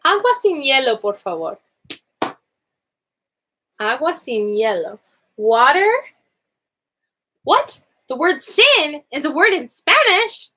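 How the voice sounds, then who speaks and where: Teaching simple Spanish online in a laid-back class, this young adult woman is talkative and expressive, laughing a lot as her pitch swings from high to low. She speaks slowly and leaves long pauses.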